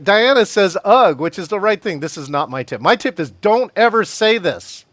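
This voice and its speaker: A man's voice: high-pitched, no echo. Upbeat man leading a webinar. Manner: energetic, laughs often, addresses attendees by name. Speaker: virtual meeting trainer. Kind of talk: live webinar presentation. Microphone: video call.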